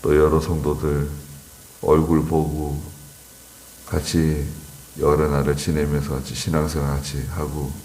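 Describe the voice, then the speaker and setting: A man's voice: a bass voice, completely flat delivery, a little slow, darkish tone, a little hiss or hum. A man preaching a dawn sermon as pastor, repeating phrases and voicing mocking questions to make his point. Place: church, dawn service.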